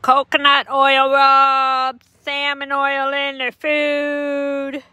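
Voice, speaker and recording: A dog breeder with a Michigan accent chats casually outdoors by a lake, cooing doting baby talk at her puppies and talking to viewers. Her voice is high, monotone, bright and forceful, very slow, on a dry recording.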